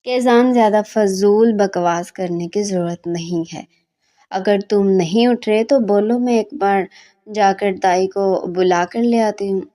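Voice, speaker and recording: Reading a storybook, a woman narrator voices a fiery young female student who nags and scolds impatiently, in a lightly acted performance. Despite the temper, her mid-range voice stays soft and mellow at a measured pace.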